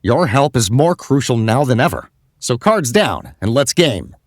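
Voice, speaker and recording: A man's voice: medium pitch, sing-song, measured pace, no echo, studio quality, voice pushed up. A man voicing an earnest male alien gamer who explains things eagerly.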